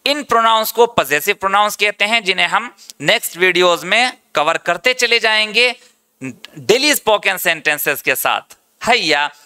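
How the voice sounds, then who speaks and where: A man with an Indian accent teaches a language lesson, breaking each sentence into words and repeating them. His voice is high, bright and smooth. He speaks slowly and deliberately. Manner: slow, deliberate explanations, repeating and translating each word. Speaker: Arabic teacher.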